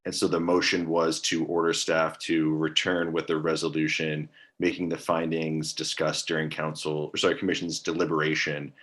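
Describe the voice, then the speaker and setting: A man giving a hesitant, monotone staff briefing at a public meeting over a video call, filling pauses with um. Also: extremely low pitch. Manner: monotone, hesitant with many ums. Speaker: staff attorney at a commission meeting.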